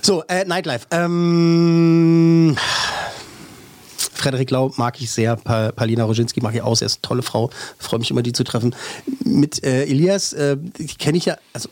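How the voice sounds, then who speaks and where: A man's voice: medium pitch, steady tone, normal speed, darkish tone, no room sound. A man from Berlin hosting a podcast, reviewing films in a chatty, joking, rambling way. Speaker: podcast host, film reviewer. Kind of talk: casual chat.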